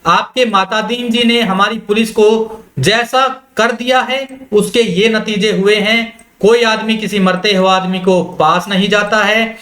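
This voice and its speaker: High-voiced male teacher, echoey room. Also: steady tone, pushed and bright. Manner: repeats key lines and tells students to note them; slows down when reading quoted lines. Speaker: Hindi literature teacher. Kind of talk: exam-prep lecture, reading and explaining a story.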